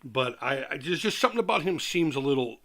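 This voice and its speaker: Male streamer, forceful bright tone, toothless lips-over-teeth speech, casual, candid, repetitive chat. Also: a little high, animated, fast. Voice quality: speaks over missing top teeth, slightly lisped, lips-over-teeth diction. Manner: rambling, candid, repeats himself. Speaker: livestream host.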